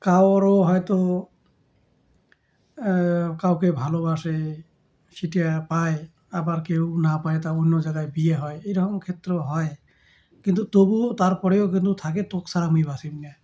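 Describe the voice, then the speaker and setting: A man with a Rajbongshi accent talks in a slow, unhurried way, reflective and humble. His voice is dark and mellow, like an amateur singer chatting casually before a song. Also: on the high side, fairly even intonation, lo-fi sound. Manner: slow, reflective, humble talk in a rural dialect. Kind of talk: casual spoken introduction before singing.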